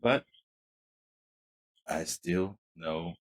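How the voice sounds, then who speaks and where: A man hosting a casual unboxing vlog, chatting in a relaxed way and thinking aloud as he tests his microphone setup. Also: low voice, very slow, low-quality recording. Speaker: channel host. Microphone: podcast mixer microphone.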